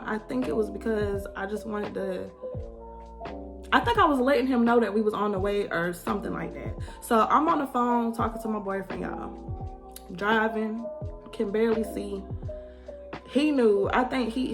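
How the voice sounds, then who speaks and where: A young woman vlogger telling a personal story in a casual, animated way, often calling out to her viewers. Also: medium pitch. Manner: animated, addresses viewers as y'all.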